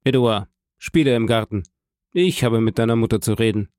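A man's voice: mid-range voice, normal speed, a little mellow, dry recording, clean studio sound, natural voice. A man voicing a cold, stern male prosecutor who speaks sharply and in commands.

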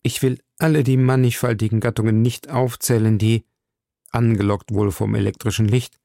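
Gravelly-voiced man reading a story. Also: mid-range voice, steady tone, moderate pace, warm tone, dry recording, studio quality. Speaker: audiobook narrator. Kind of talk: scripted narration.

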